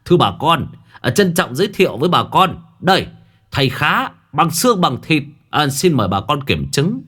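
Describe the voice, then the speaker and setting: A man voicing a cheeky young hustler who talks in fast, showy patter. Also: on the low side, huge pitch swings, a bit bright, heavily acted. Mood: boastful. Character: boastful young male hustler, cheeky sidekick.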